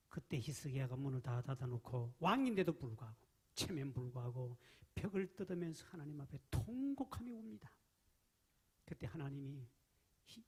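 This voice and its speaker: Husky-voiced pastor with dramatic swings. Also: male voice, mid-range voice. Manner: dramatic, swings from loud outbursts to soft whispers. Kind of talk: sermon. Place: church sanctuary.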